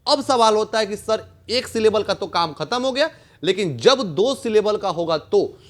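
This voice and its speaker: Young guy teaching grammar, high voice, keeps asking the class if they get it. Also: lively intonation, normal speed. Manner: repeats questions to students, checks understanding often.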